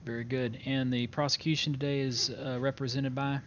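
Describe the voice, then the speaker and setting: A man role-playing a judge in court, announcing formally like a court clerk, with hesitant pauses. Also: level tone. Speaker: judge in an online role-play game. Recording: dull lo-fi mic with clear rumbling noise.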